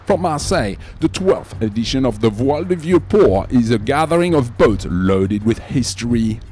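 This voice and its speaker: A man's voice: medium pitch, expressive, moderate pace, a little mellow, soft background music. A man reading a scripted sailing news voice-over.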